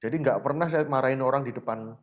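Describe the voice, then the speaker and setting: A man's voice: mid-range voice, fast talker, phone-quality sound. Man with speech, storytelling teacher. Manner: lively storyteller who often acts out dialogues. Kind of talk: conversational interview storytelling.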